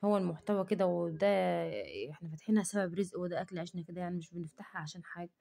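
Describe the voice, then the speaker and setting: A woman's voice: on the low side, level tone, racing, gravelly, dark tone. A woman with an Egyptian Arabic accent, talking to camera in a casual cooking vlog and defending herself in an indignant rant. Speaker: cooking vlogger.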